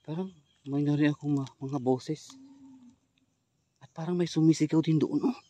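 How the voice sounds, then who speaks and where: A man's voice: a little high, moderate pace, warm tone, a little hiss or hum. A man filming a ghost-hunting vlog in a forest outdoors, speaking straight to his viewers in a suspenseful, wary way. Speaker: ghost hunter vlogger.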